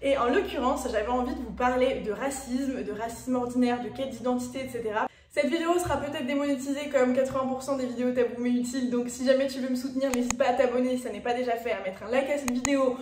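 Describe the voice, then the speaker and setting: This young Parisian YouTuber, in her twenties, has a high, slightly mellow voice and speaks quickly with fairly even intonation and hardly any pauses. She chats straight to viewers in a casual vlog, dropping frequent fillers, and the distant mic catches an echoey room.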